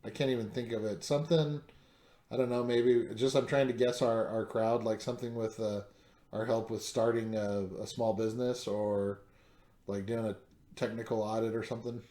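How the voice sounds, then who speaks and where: A man's voice: fairly low pitch, level tone, moderate pace, mellow. Chatty podcast host man, echoey room. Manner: rambling, lots of fillers and restarts, laughs easily. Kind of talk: casual podcast chat.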